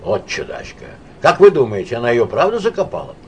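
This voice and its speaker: Man playing a blunt bohemian painter, brash, lecturing, animated, mid-pitched man, storybook reading. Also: brisk, a little hiss or hum, lightly acted. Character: blunt, boisterous male painter who likes drink.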